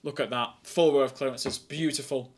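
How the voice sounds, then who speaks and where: A young man streaming as an air traffic controller, chatty and excitable between calm, clipped radio instructions. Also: medium pitch, normal speed. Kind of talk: casual streaming chat and radio calls.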